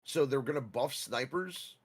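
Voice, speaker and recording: A man's voice: mid-range voice, measured pace. A man with a mid-range voice explains his game builds and their damage numbers. He is detailed and matter-of-fact. The setting is a casual gaming discussion.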